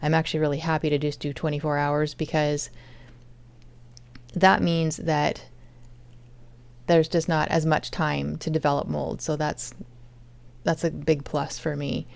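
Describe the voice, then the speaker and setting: A woman's voice: sits low, flat delivery, a little slow, gravelly, pauses often. A woman casually narrating her home cooking vlog, explaining each step as she goes. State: chronic fatigue.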